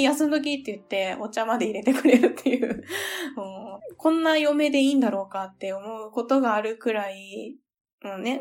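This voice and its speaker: A woman from the region of Japan, hosting her own podcast in a gentle, polite, chatty way with soft laughs. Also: medium pitch. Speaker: podcast host. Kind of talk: solo podcast chat, travel diary.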